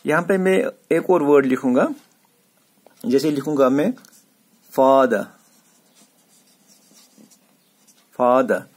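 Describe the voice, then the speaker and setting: A man teaches a class, taking his time and drawing out each point. His voice is slightly husky, and he says key words again and again so students catch them. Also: medium pitch, darkish tone. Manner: slow, explanatory, repeats words for emphasis. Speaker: English teacher. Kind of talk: classroom lecture mixing Hindi and English.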